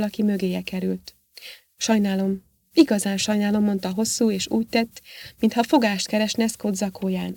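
A woman reads a novel aloud in a steady, even narration. Her pitch sits in the middle, and the recording is close and dry with no room sound. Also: no room sound. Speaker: audiobook narrator. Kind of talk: scripted narration.

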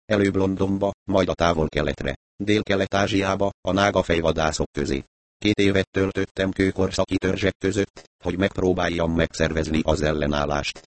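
A man reading a first-person novel aloud in a steady, measured storytelling manner. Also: low-pitched, no echo. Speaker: audiobook narrator.

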